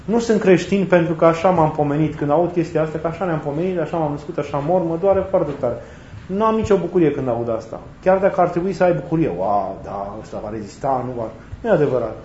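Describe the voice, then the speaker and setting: A man preaching a sermon in a reflective way, often repeating and rephrasing his points, with touches of gentle humor. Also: on the high side, expressive, a little hiss or hum. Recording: roomy, slightly dull recording with faint ambience.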